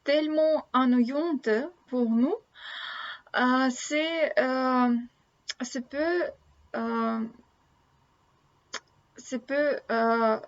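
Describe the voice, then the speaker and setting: A woman in her thirties from Russia, a native Russian speaker with a Russian accent, talks casually to camera in learner French, haltingly searching for words. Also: sits high, steady tone. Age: 30s. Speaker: language-learning vlogger. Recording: dull lo-fi sound.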